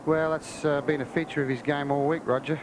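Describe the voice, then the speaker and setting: A man's voice: a little high, fairly even intonation, fairly quick. A man giving golf commentary on a television broadcast. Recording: noisy outdoor 1980s TV broadcast.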